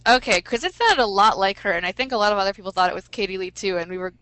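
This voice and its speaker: Bright woman reading listener questions. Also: medium pitch, very fast, rough recording. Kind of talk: casual podcast Q&A.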